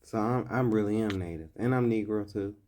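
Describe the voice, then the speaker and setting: A man's voice: fairly low pitch, brisk, dark tone. A man giving blunt, emphatic commentary in a vlog, reading old scripture passages and then explaining them in plain talk.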